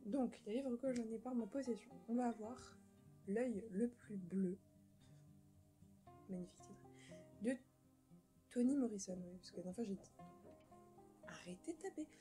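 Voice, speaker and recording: Chatty young woman with a mellow voice. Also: on the high side, steady tone, normal speed, long pauses, soft background music, poor audio. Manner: rambling, self-mocking, many fillers and restarts. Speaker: book vlogger. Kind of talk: casual chat.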